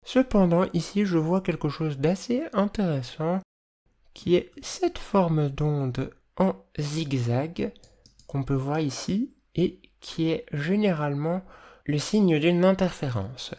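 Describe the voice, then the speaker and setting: A person with a slight lisp and hissy, slushy s sounds, explaining audio editing as a tutor in a measured, careful way. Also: medium pitch, animated, dark tone. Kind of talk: instructional screencast narration, explanatory.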